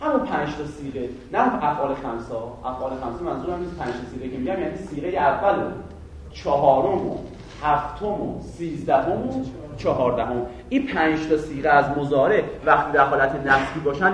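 A man with a fairly high voice teaches a grammar lesson, posing a question to the class and then supplying the answer himself. He is caught from some distance by the mic, in a room that rings with heavy echo. A faint hiss of background noise sits under his voice. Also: animated. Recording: very echoey room from far off.

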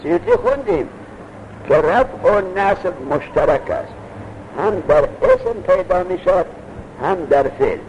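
A man's voice: high-pitched, wildly swooping pitch, creaky, a little mellow. A man teaching a classroom lesson, lecturing with rhetorical questions and reading texts aloud. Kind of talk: classroom lecture on Arabic grammar. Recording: dull lo-fi recording with faint noise.

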